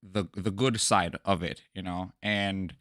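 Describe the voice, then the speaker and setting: Bright-voiced man rambling on a podcast. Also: sits low, fairly even intonation, unhurried. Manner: rambling, hesitant, searching for words. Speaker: podcast guest. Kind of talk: casual podcast discussion.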